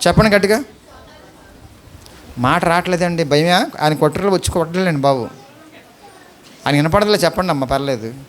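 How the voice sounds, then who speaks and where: High-voiced pleading Telugu pastor. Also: male voice, fairly quick, long pauses, a little hiss or hum. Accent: Andhra Telugu. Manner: pleading, questioning the congregation. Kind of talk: sermon.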